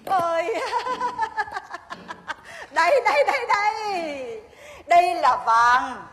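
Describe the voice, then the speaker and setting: A scheming old grandmother in a stage folk opera, with a very high voice. She speaks slowly and deliberately, sweet one moment and threatening the next. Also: big pitch swings, sharp tone, big-room sound, soft background music, full character voice. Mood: coaxing. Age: older.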